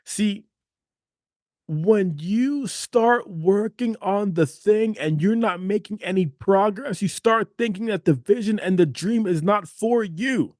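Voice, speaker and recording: This podcast host talks slowly in a high-pitched voice, pressing his motivational points hard, repeating himself, and tossing in "okay?" to check on his audience. The sound is clean studio quality, with no trace of the room.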